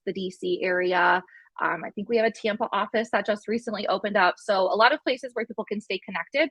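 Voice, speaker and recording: A woman recruiter delivers an upbeat, salesy pitch to students in a presentation style. Her voice sits at a middling pitch for a woman. The sound is dry, with hardly any room in it. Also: a bit bright, breathy edge, dry recording, rough recording. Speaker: campus recruiter.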